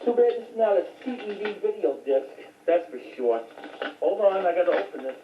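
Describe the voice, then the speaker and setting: Captured on a distant mic with echoey, tinny, phone-like audio and a little hiss or hum, a woman walks through recent additions to her home video collection. The show-and-tell is casual and unscripted, rambling yet matter-of-fact, delivered at a moderate pace in a mid-range voice with lively intonation.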